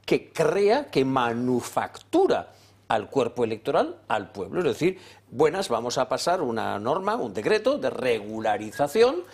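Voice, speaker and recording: A man from Valencia, Spain, arguing forcefully as a commentator on a political panel, repeating phrases for effect. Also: mid-range voice, sing-song, a little slow. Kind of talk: heated political panel debate.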